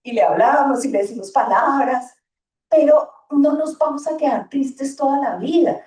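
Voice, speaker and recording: Lady giving a parenting talk in a gym, high voice, mellow tone, room echo, sounds a bit far off. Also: moderate pace. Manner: lively, animated, acts out children's and parents' lines. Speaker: school talk speaker for parents. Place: hall or gym.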